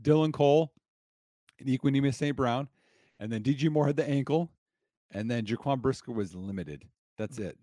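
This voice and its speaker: A man's voice: mid-range voice, dark tone, no echo. A man co-hosting a casual sports podcast, rattling off injury news until he runs short of breath. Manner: rapid-fire listing of injury news. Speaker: podcast co-host.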